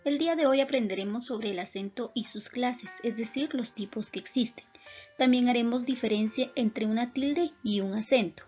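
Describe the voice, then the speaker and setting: A woman teaching a recorded lesson, explaining in a clear, measured way. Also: a little high, darkish tone, muffled recording, faint music behind.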